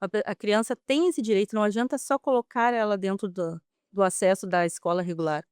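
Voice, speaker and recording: A woman's voice: medium pitch, steady tone, brisk, a little mellow, smooth, no echo, studio quality. A woman guest speaking earnestly and emphatically about inclusion in an interview. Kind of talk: interview answers.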